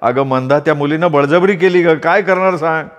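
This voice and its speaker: A man's voice: on the high side, moderate pace, long reverb tail, close to an everyday voice. A man voicing a clumsy, guilty husband who pleads and fumbles for excuses. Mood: pleading.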